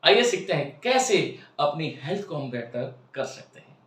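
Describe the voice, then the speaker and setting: A man's voice: fairly high pitch, sing-song, normal speed, a bit bright, roomy sound, far from the mic. A man, a wellness host persuasively and emphatically explaining ideas to his viewers. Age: 60s. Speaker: health and wellness channel host. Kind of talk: explanatory talk to camera.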